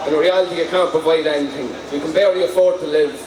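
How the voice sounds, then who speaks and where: A man's voice: a little high, fairly even intonation, fast, crowd noise. A man with an Irish accent reading out a prepared personal speech at a rally. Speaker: speaker at a rally. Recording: echoey, distant microphone, noisy background.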